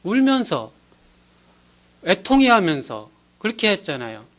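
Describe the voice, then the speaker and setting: A man's voice: high voice, wildly swooping pitch, measured pace, a bit bright. A male pastor preaching a sermon in an earnest, pleading way, acting out little scenes as he goes.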